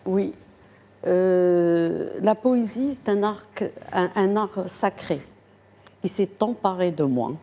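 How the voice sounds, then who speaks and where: Slow, soft-spoken older woman. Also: mid-range voice. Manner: slow, soft-spoken, hesitant with many pauses. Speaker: guest poet. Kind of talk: TV interview. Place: TV studio.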